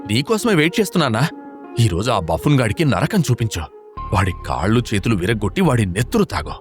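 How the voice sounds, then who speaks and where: A man's voice: medium pitch, huge pitch swings, fast talker, over music. A man voicing a boastful, scheming young male villain who makes proud demands in an audio drama. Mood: vicious.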